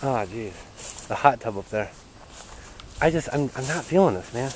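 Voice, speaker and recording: A man's voice: mid-range voice, animated, measured pace, a little mellow, a little hiss or hum, low-quality recording. A young man filming himself outdoors with a handheld camera, talking in a hesitant, uneasy way and trailing off mid-sentence. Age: young adult. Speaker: urban explorer vlogger. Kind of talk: handheld exploring vlog. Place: outdoors in an overgrown yard.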